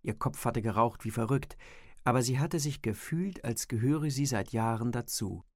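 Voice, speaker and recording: A man reads a novel aloud in measured, scripted storytelling. His voice sits in an ordinary male register, recorded dry and close. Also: mid-range voice, dry recording. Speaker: audiobook narrator. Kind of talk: scripted narration.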